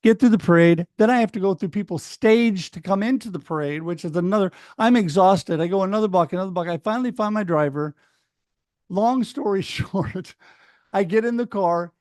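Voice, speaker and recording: A middle-aged man from Oregon, telling a personal story in a casual, animated way on a video call and acting out what other people said. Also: high voice, fairly quick, no room sound, studio quality. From Oregon, United States. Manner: animated, acts out other people's words, laughs often. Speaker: speaker sharing his story.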